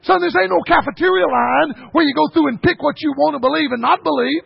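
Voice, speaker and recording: Gravelly high-voiced older preacher. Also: male voice, fairly quick. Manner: folksy storytelling, calls the crowd son and buddy. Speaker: revival preacher. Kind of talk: sermon. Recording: dull lo-fi sound.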